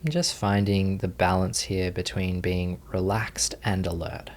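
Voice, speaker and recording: Guiding a meditation as a teacher, a low-pitched man speaks gently and calmly with no rush and long pauses between phrases. The recording carries a little hiss or hum.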